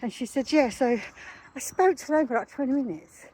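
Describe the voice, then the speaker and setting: A woman's voice: sits high, moderate pace, dark tone, a little hiss or hum. A middle-aged woman, chatting on a street as she retells conversations with her neighbours. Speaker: self-help author. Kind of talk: casual walking vlog. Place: outdoors on a street.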